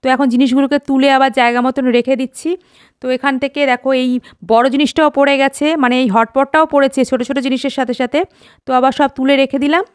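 Woman in her 40s, high voice, quick talk, dry close sound, chatty home vlog narration. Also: little pitch movement, dry recording. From West Bengal. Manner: chatty, homely, addresses viewers directly. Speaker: vlogger.

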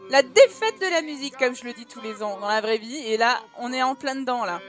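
Chatty high-voiced woman gaming host. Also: fairly quick, soft background music. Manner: chatty and expressive, full of exclamations and fillers. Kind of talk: casual let's-play commentary.

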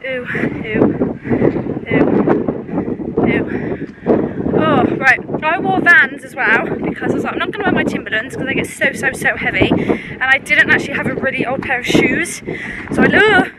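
A woman's voice: high-pitched, lively intonation, moderate pace. A young woman vlogging on a windy mountain hike, chatty and rambling, a bit out of breath. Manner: chatty, rambling, says "literally" a lot. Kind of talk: casual vlog chat while hiking. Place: windy mountain trail outdoors. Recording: loud wind noise on mic.

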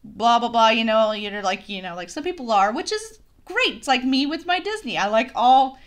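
A bubbly young woman talks straight to her viewers in a casual unboxing vlog filmed on a phone camera. Her voice sits high and swoops up and down as she gushes and chats. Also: animated, normal speed. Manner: bubbly, gushing, chatty with viewers. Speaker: unboxing vlogger.

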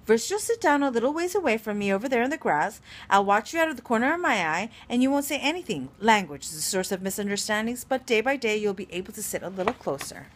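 A woman reading aloud and voicing a lonely, gentle male fox who patiently explains things. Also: fairly high pitch, lively intonation, fast, hardly any pauses, a little hiss or hum, natural voice.

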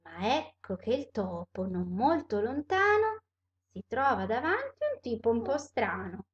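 A woman teacher reading a rhyming storybook aloud for children, in an expressive read-aloud manner, with a slightly dull recording. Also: on the high side, unhurried.

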